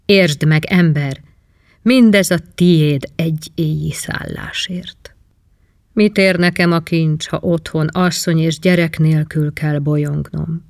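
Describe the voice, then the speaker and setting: A man voicing a weary, cursed sailor who speaks in a slow, brooding murmur in a storybook reading. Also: on the high side, steady tone, vocal fry, dry recording, studio quality. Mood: solemn. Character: gaunt, weary, cursed male sea wanderer.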